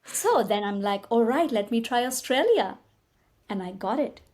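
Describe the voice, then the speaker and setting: A woman in her thirties from India, a native Tamil speaker with an Indian accent, appears as a guest migration agent telling her life story in a casual interview. She's animated and fills the account with quoted dialogue, speaking at normal speed in a voice on the high side.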